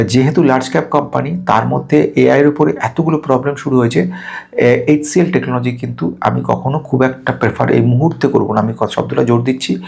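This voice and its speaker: A man with a Bengali accent goes through a viewer's stock portfolio in casual, explanatory talk. His voice is gravelly, at an ordinary middle pitch. He speaks straight to the listener and often stops on "uh" or starts a phrase over. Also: darkish tone. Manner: hesitant, many "uh" fillers and restarts, addresses listener directly. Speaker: stock market advisor.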